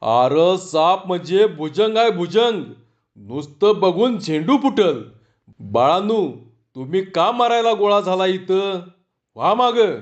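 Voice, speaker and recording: A man voicing an angry shouting village man. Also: sits high, expressive, takes it slowly, lo-fi sound. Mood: scolding. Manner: shouting, scolding in rural dialect. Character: angry village man, scolding loud crowds.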